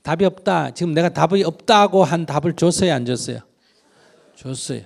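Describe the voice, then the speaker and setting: Gravelly Buddhist monk giving blunt advice. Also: male voice, fairly high pitch, brisk. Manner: blunt and animated, acts out shouting children. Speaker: Buddhist monk answering questions. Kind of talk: question-and-answer dharma talk.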